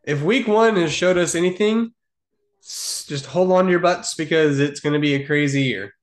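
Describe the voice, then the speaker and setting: Male podcast co-host, slightly high voice, slangy casual sports talk, very roomy echoey sound. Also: normal speed. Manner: informal, slangy.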